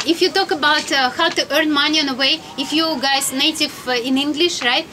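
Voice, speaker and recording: A high-voiced Russian woman in her thirties, with a Russian accent, gives a chatty, informal travel lecture outdoors in a sunny courtyard among high-rise buildings. She laughs often and keeps asking her audience questions. A camera a few meters in front records her, with audience chatter and background noise behind.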